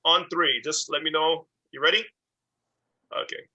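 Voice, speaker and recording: A man hosting a video call, wrapping up casually with a relaxed, friendly manner. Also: a little high, moderate pace, husky, highs cut off. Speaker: host. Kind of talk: casual meeting wrap-up.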